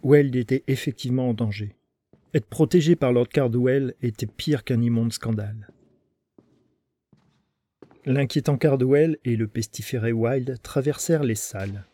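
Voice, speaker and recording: A man narrating a dramatic story in an expressive, theatrical way. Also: mid-range voice, measured pace, dry recording.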